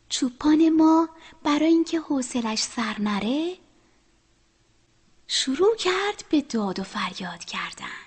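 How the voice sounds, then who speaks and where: Lively woman telling a children's tale. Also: sits high. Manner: lively, often drops to a soft whisper. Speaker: children's storyteller. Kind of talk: storytelling for children.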